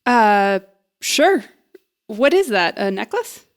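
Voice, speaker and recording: In an audio drama, a woman with a medium-pitched, sing-song, slow voice plays a nervous young woman bluffing her way through an interview. The character jokes, rambles, and puts herself down, sounding flustered throughout in a conversational comedy style.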